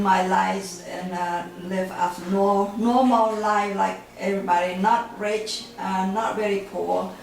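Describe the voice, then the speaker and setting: Cambodian lady in her 60s telling her story, halting, lots of pauses, far off mic in a big echoey room w music behind. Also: medium pitch. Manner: halting, plain, with frequent pauses. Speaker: interviewee. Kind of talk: personal life story interview.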